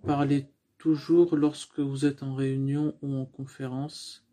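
Unhurried and warm, a medium-pitched male voice moves very little in pitch. The speaker is a speaking coach giving instruction on the voice in communication, explaining in steps and frequently restarting or using fillers.

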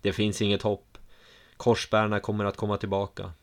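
A man voicing a whiny, frightened farmer who shouts and pleads from behind a door in a read-aloud story. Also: fairly low pitch, monotone, natural voice. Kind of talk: audiobook storytelling.

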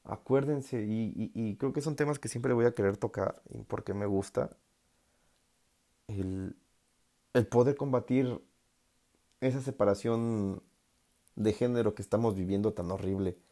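A man's voice: a little slow, long pauses, dark tone. A young man with a Mexican accent talking casually to his audience, joking and laughing, then turning earnest. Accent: Mexican Spanish. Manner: joking, laughing, mocks others in put-on high voices. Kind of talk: casual monologue.

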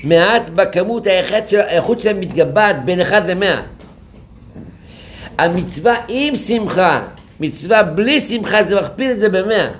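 A man's voice: sits high, animated, slight background noise. A man giving a sermon at a memorial gathering, telling a story and rising emphatically into rhetorical questions. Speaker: rabbi giving a talk.

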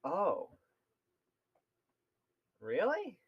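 A man's voice: sits high, wildly swooping pitch, extremely slow, husky, lo-fi sound. A young man co-hosting a casual podcast chat, rambling with lots of fillers and laughs. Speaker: podcast co-host.

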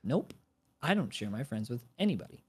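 A man's voice: medium pitch, very animated, a little fast, darkish tone, breathy edge. A man co-hosting a casual podcast, joking around and swearing freely. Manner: jokey, profane, swings into hammy hype voice. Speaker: podcast co-host.

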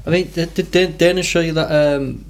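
A man's voice: on the high side, steady tone, a little fast, gravelly. A man in a casual chat, speaking hesitantly with many fillers.

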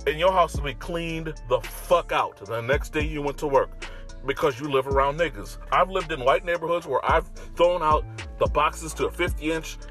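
An American man delivers an opinionated, conversational rant in a somewhat high voice. He has a slight lisp and talks bluntly with plenty of swearing. Music plays behind him. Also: normal speed, sharp tone. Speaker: online commentator.

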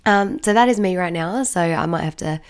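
A woman podcast host speaks in a low, croaky frog voice, hoarse from a bad cold and cough. She talks casually and informally, as if chatting straight to her listeners. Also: brisk. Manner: chatty, informal, many "like" asides. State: sick with a croupy cough. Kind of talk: casual solo podcast talk.

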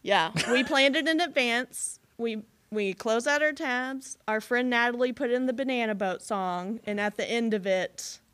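A woman's voice: fairly high pitch, normal speed, hardly any pauses, fairly bright tone, smooth. A woman from Louisville with a Kentucky accent, telling stories casually as a podcast guest. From Louisville, Kentucky, United States. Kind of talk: casual conversational storytelling.

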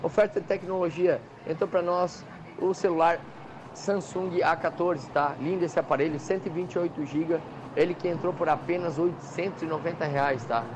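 A man's voice: a little high, steady tone, normal speed. A man with a southern Brazilian accent giving an insistent hard-sell live ad as a store manager, repeating prices and deals. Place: outdoors or storefront by a busy avenue. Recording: dull outside-broadcast line, clear street noise. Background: noisy traffic.

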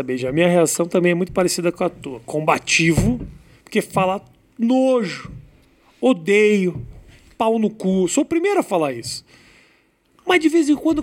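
A man's voice: high-pitched, a little mellow. A man hosting an interview who asks direct questions and teases his guest. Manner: jokey, teasing, direct questions. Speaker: interviewer, host. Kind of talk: casual interview chat.

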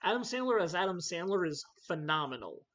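Animated ranting man hosting. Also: high voice, a little fast. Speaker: podcast host. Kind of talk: casual movie chat. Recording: slightly dull lo-fi audio.

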